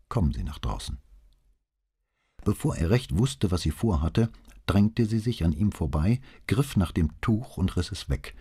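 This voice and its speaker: A man narrating an audiobook in an even, measured way. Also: rumbling low, slightly rough. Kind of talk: audiobook reading.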